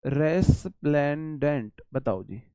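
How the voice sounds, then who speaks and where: A man with an Indian accent teaching a vocabulary lesson for exam students, animated and repetitive, with chatty asides. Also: fairly high pitch, slow, clear, resonant tone, no echo, clean studio sound.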